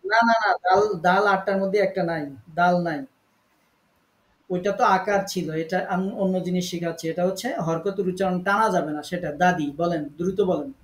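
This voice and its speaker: A man teaching Quran recitation in an online class, patiently correcting students and repeating words slowly to model them. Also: high-pitched, steady tone, fairly bright tone, echoey room.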